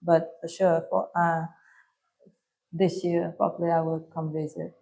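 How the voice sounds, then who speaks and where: A woman in her thirties with a Vietnamese accent, answering interview questions in English softly and with frequent hesitations. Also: on the low side, level tone, unhurried, vocal fry. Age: 30s. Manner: soft-spoken, hesitant with frequent ums. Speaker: guest.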